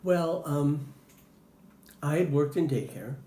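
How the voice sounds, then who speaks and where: A man's voice: on the high side, slow, mellow. Man interviewee, hesitant, filler-heavy, roomy recording with faint hiss. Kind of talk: casual interview answers.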